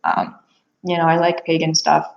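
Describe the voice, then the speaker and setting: Low, creaky and level, this woman talks at normal speed in a rambling, introspective personal monologue, casual yet earnest. She's an aspiring therapist and psychic reader adopted from Bulgaria, and the echoey recording sounds somewhat dull.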